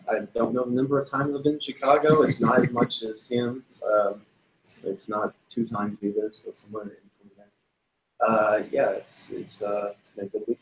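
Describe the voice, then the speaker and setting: A man giving a halting status update at a team meeting, with many restarts. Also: medium pitch, a little hiss or hum, low-quality recording. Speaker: meeting participant.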